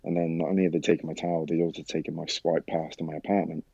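A man telling his own story in a casual interview, halting with many fillers and restarts. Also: extremely low pitch, little pitch movement, creaky, mellow, breathy edge, no room sound, dull audio. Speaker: guest sharing his story.

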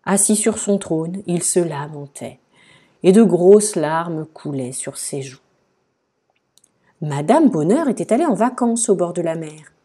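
Husky woman reading a kids story out loud, slow and mellow, pitch all over the place. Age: adult, studied in the past. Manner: expressive, dramatic storytelling. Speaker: podcast host, osteopath and coach. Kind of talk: reading a children's story aloud.

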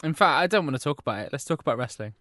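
A British man with a medium-pitched voice banters casually as a podcast co-host. He is deadpan and teasing, and the sound is close and dry. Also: racing, no echo.

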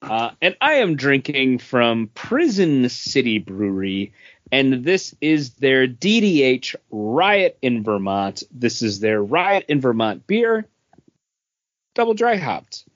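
Speaking slowly in a sing-song, medium-pitched voice, a man hosts a laid-back, conversational podcast. His recording is dry, close and lo-fi, with a dull quality.

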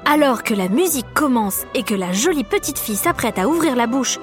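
A woman narrating a children's story aloud in a lively, expressive way for young listeners. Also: fairly high pitch, brisk, soft background music.

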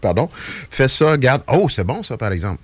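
A guest magician from Trois-Rivières, Quebec, an older man in his 50s or more, chats casually and jokily on the radio at a moderate pace and medium pitch. His Quebec French accent colors animated, rambling anecdotes where he keeps cutting himself off and wandering away, recorded in a dry studio with no room sound.

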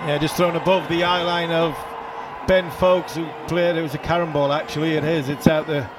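A man delivers cricket commentary as an analyst, in a slightly high voice. He explains and repeats points for emphasis, with clear ground noise behind him. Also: level tone, normal speed, crowd noise. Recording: noisy outdoor broadcast. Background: stadium background noise.

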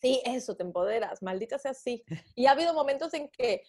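A woman with a Mexican accent co-hosting a podcast, playful and animated in casual chat. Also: high voice, a little fast. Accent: Mexican Spanish. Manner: playful, animated, laughing asides. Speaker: podcast co-host.

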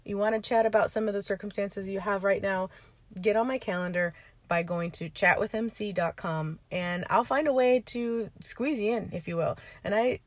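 A podcast host and coach records from her parked car, rambling casually and laughing often as she chats. She has a mid-range voice and speaks at a moderate pace. The recording is dry, using an informal setup without a computer.

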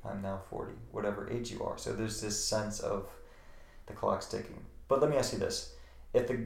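A man's voice: fairly low pitch, vocal fry. A man answering interview questions with earnest, emphatic motivational advice, repeating his key phrases for weight, recorded with a roomy echo. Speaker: interview guest.

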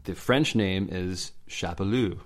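A man talking casually as podcast co-host, halting with many fillers and restarts. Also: deep voice. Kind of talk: casual chat about legends.

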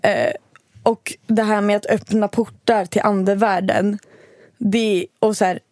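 Animated Swedish-speaking woman podcaster. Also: mid-range voice, no echo. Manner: animated storyteller, acts out quotes. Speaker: podcast co-host. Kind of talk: casual chat.

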